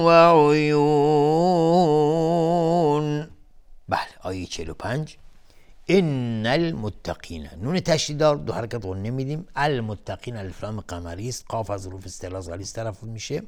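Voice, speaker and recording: A man teaching Quran recitation rules on television. He talks in a measured way, naming each rule term by term, and chants the verses slowly at a raised pitch. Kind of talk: televised tajweed lesson. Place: TV studio.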